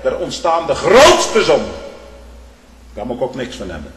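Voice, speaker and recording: A man preaching a sermon in a church, tagging his phrases with "hè" and swinging from loud emphasis to hushed tones. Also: medium pitch, wildly swooping pitch, normal speed, music in the background. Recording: echoey hall with long reverb.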